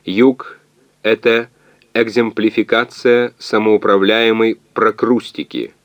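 Monotone halting calculator machine, read by a man. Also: lowish voice, no room sound, pitched above the performer's own voice. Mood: flat, halting. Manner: monotone, clipped word-by-word delivery. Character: translating calculator machine speaking in halting fragments. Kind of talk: audiobook reading.

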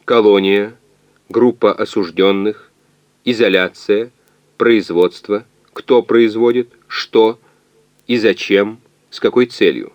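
A man's voice: on the low side, steady tone, slow pace, no echo. A man reading an audiobook, voicing an eager physicist explaining what he has worked out. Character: excited male physicist puzzling out a code.

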